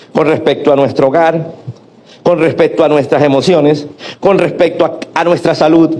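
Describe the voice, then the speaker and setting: A male pastor, preaching a sermon in an animated way, acting out quotes and calling out to the congregation. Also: on the high side. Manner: animated preaching with acted-out quotes and call-and-response.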